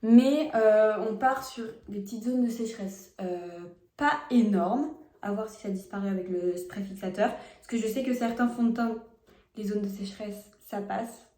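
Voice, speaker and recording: Young woman beauty vlogger, chatty and frank, warm low-key voice, echoey phone audio. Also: normal speed. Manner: frank, chatty, talks to viewers while applying makeup. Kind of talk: casual makeup test vlog. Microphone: phone camera. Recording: roomy phone recording.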